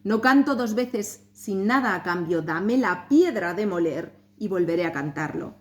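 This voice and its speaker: A woman voicing a magical bird, a murdered boy reborn, in a slow sing-song chant. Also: mid-range voice, animated, lightly acted. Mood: proud.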